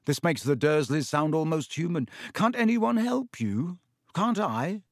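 A man's voice: fairly high pitch, expressive, unhurried, dry recording, voice pushed up. A well-meaning young boy, played by a male narrator, in a slightly raised voice with a close, dry sound. He is polite and hesitant, puzzled but earnest, in storybook dialogue. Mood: urgent, sympathetic. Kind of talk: audiobook character voice.

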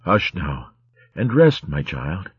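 A man's voice: on the low side, lively intonation, a little slow, a little mellow, husky, dry recording, muffled recording, pitched above the performer's own voice. A man voicing a kindly old male mouse abbot who speaks tenderly in old-fashioned words.

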